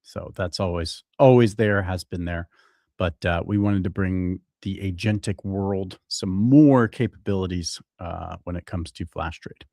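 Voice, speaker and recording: A man's voice: low voice, measured pace, dark tone, dry recording, studio quality. A young man co-hosting a casual crypto show, talking loosely with many fillers and restarts. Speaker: co-host.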